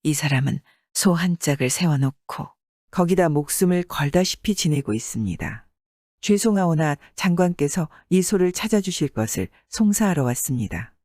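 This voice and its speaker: A man's voice: fairly high pitch, expressive, moderate pace, a little mellow, dry recording, clean studio sound. A man doing a humble pleading farmer. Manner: deferential, polite. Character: humble male farmer petitioner, pleading politely.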